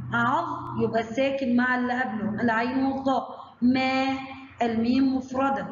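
A woman with an Egyptian Arabic accent teaching young children a phonics lesson, talking to them directly and stretching out syllables. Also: sits high. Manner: slow drawn-out syllables, addresses children directly. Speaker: primary school teacher. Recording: echoey room, dull lo-fi sound, faint noise.

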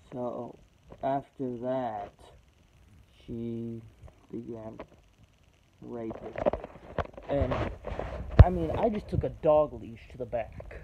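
A man in his twenties telling a personal story, blunt and halting, swearing often, with strong emotion. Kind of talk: personal testimony to camera. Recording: dull low-fi recording with background noise.

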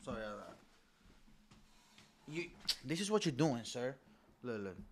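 A man on a podcast crew, talking in a hushed, conspiratorial way. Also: medium pitch, sing-song, measured pace. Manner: hushed, conspiratorial when plotting. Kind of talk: casual podcast chat.

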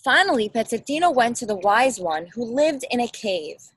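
Outdoors in a backyard, a woman of about thirty reads a children's picture book aloud as a parent, expressively explaining things and asking a child simple questions. Her voice is higher-pitched, sing-song, a bit bright and slightly rough, at a moderate pace. The dry recording comes from a phone or laptop held at arm's length.

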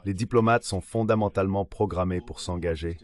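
A low-pitched synthetic male voice reads a translated interview, acting as the dubbed voice of a guest and giving the answers as scripted voice-over. His tone is steady and his pace a little fast.

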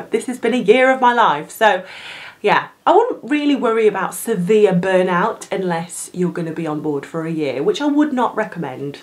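A young woman talks to her camera in a relaxed question-and-answer chat, her voice sitting a little low for a woman. She's animated and laughs easily between thoughts. She's recorded indoors in a plain room. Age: young adult. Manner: chatty, animated, laughs often. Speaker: cruise ship crew vlogger. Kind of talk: casual Q&A to camera.

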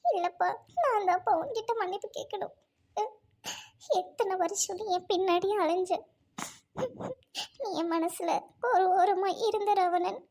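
A woman's voice: very high-pitched, fairly even intonation, a little slow, long pauses, darkish tone. A woman playing a grieving young widow, speaking in a sorrowful, pleading way as amateur drama acting.

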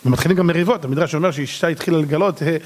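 A man with a high-pitched voice teaches a Torah lesson as a rabbi. He tells the story with energy, drops slangy asides, acts out the quotes and sometimes shouts. His delivery moves between loud and quiet. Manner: bursts into shouts.

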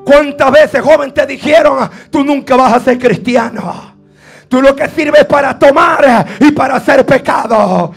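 With an extremely high pitch and vocal fry, a preacher delivers a fervent Pentecostal sermon a little slowly, his voice strained as he exhorts and insistently repeats himself. Faint background music accompanies him.

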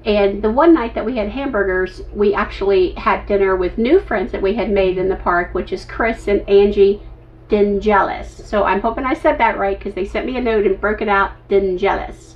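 Bubbly woman, fifties, casual vlog co-host; slightly distant, muffled recording. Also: normal speed. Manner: bubbly, bursts into high excited squeals. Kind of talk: casual chat. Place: inside an RV, seated at table. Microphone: camera a few feet away. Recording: slightly distant, dull sound.

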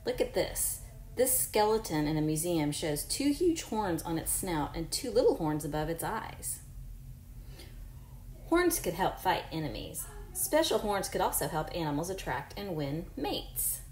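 This teacher in her forties has a fairly low, slightly mellow voice that swings widely in pitch while keeping a measured pace. Reading a picture book to young children, she stays encouraging, chats along the way and puts questions to listeners we can't see. Faint background noise and a roomy echo fill the recording.

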